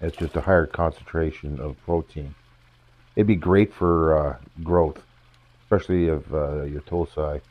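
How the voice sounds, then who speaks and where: An older man with a cold-roughened voice gives a casual, halting review of fish food for his pond, with his voice breaking upward now and then. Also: a bass voice, steady tone, no room sound. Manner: halting, pauses mid-sentence to find words. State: hoarse from a cold, voice cracking upward. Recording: dull lo-fi, dry sound.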